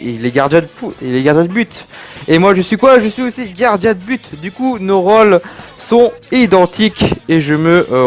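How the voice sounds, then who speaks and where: A young man from France casually reviewing an anime, rambling and digressive with chatty asides to his viewers. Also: sits high.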